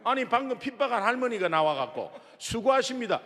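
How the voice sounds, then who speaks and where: A middle-aged male pastor with a Gyeongsang accent, preaching a revival sermon as an animated storyteller who acts out dialogue with humor. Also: high voice, moderate pace. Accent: Gyeongsang Korean. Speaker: guest pastor. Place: large church sanctuary. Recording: long reverb of a big sanctuary.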